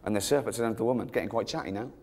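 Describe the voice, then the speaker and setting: A man's voice: fairly low pitch, racing, darkish tone, slight background noise. A man performing stand-up comedy in a mocking, irreverent, sweary way. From half French, half English.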